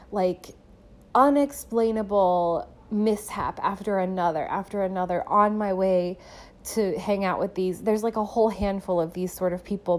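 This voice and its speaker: A woman's voice: mid-range voice, darkish tone. Chatty young woman podcaster. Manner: chatty, filler-heavy, laughs often. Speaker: podcast host and musician. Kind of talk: casual personal monologue.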